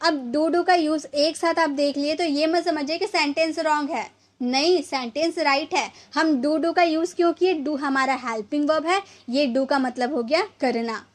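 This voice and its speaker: A woman with a Hindi accent teaching spoken English grammar, who explains patiently and repeats each example sentence slowly. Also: sits high.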